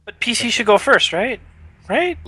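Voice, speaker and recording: A man playing in a tabletop game, joking quickly and slipping into playful in-character lines. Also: very high-pitched, big pitch swings, sharp tone, husky, rough recording. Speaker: player. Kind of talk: casual tabletop game chat.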